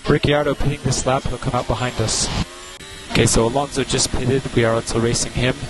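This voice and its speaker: Low-pitched male race engineer on team radio. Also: fairly even intonation, fairly quick, rough recording. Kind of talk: terse radio instructions to driver. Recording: team radio over engine sound, music behind.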